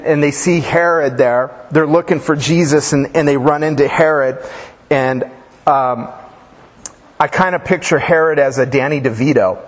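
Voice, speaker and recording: A man preaches in a loose, chatty way, wandering into stories and side comments with plenty of fillers. His voice sits a touch high for a man. The sound rings out with a long reverb from a church sanctuary. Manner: informal, rambling asides with fillers and restarts. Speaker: pastor. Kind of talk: conversational sermon with storytelling.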